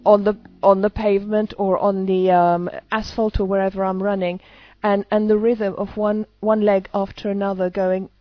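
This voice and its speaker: A woman's voice: mid-range voice, level tone, normal speed, hardly any pauses, no room sound, dull audio. Hesitant woman talking to camera. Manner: hesitant, many restarts. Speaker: EFT practitioner. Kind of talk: casual talk to camera.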